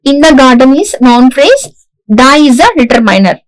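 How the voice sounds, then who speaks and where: A woman lecturer with an Indian English accent explains a lesson classroom-style, often restarting sentences and repeatedly asking "right?" to check understanding. Her voice is high-pitched and animated at a moderate pace, and the recording is low quality.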